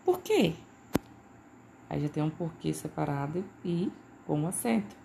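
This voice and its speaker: A Brazilian woman teaches a recorded lesson in a low voice with a gravelly edge. She explains patiently and keeps checking in with her listeners. A faint noise sits under the recording. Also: moderate pace. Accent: Brazilian Portuguese. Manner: patient, repeats points with frequent "né" and "tá".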